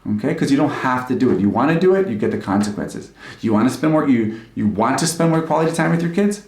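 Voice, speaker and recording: A man's voice: medium pitch, darkish tone. A male couples therapist giving an informal, conversational talk, explaining ideas with frequent filler words. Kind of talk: informal live-streamed talk. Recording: roomy echo.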